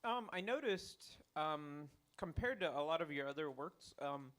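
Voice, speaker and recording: Man, audience question, smooth clear voice, a bit high, halting with likes and ums. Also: expressive, a bit bright. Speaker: audience member asking a question.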